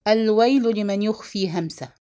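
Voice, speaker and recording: A woman's voice: fairly low pitch, normal speed, a little mellow, close to an everyday voice. A woman reading a harsh older patriarch. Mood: stern, angry. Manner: gruff commanding outbursts. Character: stern harsh older male family patriarch.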